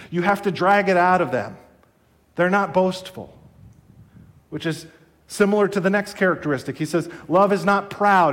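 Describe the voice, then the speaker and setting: A middle-aged man preaching a sermon as a pastor, earnest and conversational with his congregation. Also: high voice.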